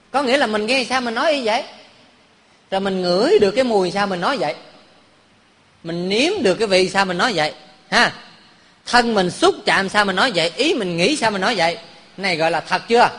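A man's voice: sits high, bright, forceful tone. A man, a Buddhist monk giving a humorous dharma talk, quizzing his listeners and telling stories. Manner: quizzes the audience, jokes and tells stories. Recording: long hall reverb.

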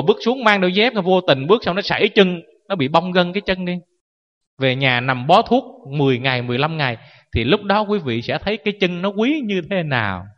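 A man's voice: high-pitched, a bit bright. A man, a Buddhist monk giving a sermon, who keeps questioning his listeners and acts out people wailing. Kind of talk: dharma sermon. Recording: echoey hall, dull lo-fi sound.

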